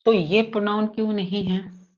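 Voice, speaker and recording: A man's voice: high-pitched, little pitch movement, moderate pace, dull audio. A man teaching an online grammar class, playful and teasing his students as he explains. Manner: addresses students fondly as kids.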